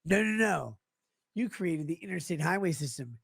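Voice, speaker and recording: A man speaking with a husky, breathy voice, drunk and rambling through a profane livestream rant full of tangents. His pitch sits in an ordinary middle range. The sound is close and dry. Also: lively intonation, moderate pace, fairly bright tone, no echo.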